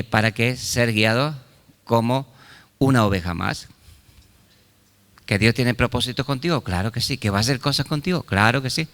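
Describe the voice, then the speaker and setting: An older pastor preaches fervently in a big-sounding room, his mid-range voice clear, resonant, and fairly bright. He keeps firing rhetorical questions at the congregation in call-and-response fashion and breaks in often with short exclamations of praise.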